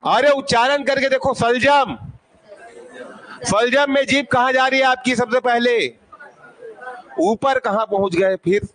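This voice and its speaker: A man's voice: very high-pitched, steady tone, moderate pace, fairly bright tone, some chatter behind. A man teaching a classroom grammar lesson, asking questions and answering them himself, repeating sounds to demonstrate them.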